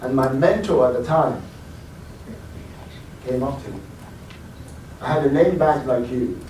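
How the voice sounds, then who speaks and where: A motivational speaker from the United Kingdom gives a live talk, telling stories and prompting the audience with questions. His medium-pitched voice is animated, unhurried, and darkish, heard from far off in an echoey hall with slight background noise.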